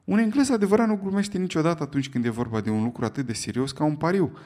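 A man voicing a calm, precise English gentleman who speaks in a cool, clipped, unflappable way in an audiobook reading. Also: on the high side, pitched above the performer's own voice, lightly acted. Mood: composed.

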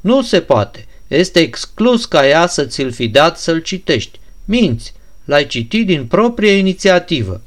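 A loud, high-strung young man bursting with impatient rage, as a male reader puts him on, shouting his questions and insults. His voice rides high and hard in an audiobook reading. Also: sing-song. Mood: enraged.

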